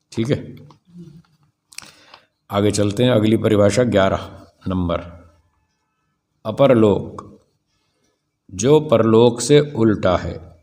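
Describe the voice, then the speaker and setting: An older man delivers a spiritual discourse in a lowish voice. He talks emphatically and rhetorically, drawing out key phrases slowly for weight. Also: darkish tone. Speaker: spiritual teacher. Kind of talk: spiritual discourse answering questions.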